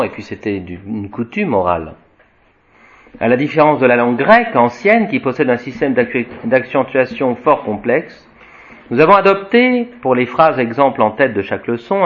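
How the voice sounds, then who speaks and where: A man teaching a Latin class, reading from a textbook and adding his own remarks, with many restarts and tags like "hein" and "voyez". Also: medium pitch. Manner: slow explanatory, tags sentences with "hein" and "voyez", frequent restarts; spells out Latin words slowly, chanting declensions. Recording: dull lo-fi recording.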